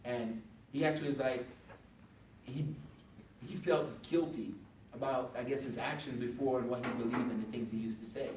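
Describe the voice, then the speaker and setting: A man's voice: mid-range voice, moderate pace, slight background noise. Man telling a story on a panel. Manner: conversational, animated when quoting others. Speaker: veteran panelist. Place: event hall. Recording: echoey room from a distance.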